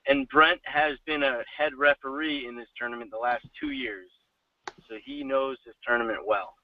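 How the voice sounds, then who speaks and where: A man joins a podcast as a guest and chats in a relaxed, joking way. He speaks from a parked car and sounds set back from the mic. The audio is dull and lo-fi. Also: medium pitch, normal speed, distant mic, slight background noise. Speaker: tournament organizer and guest. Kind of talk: casual live-stream chat.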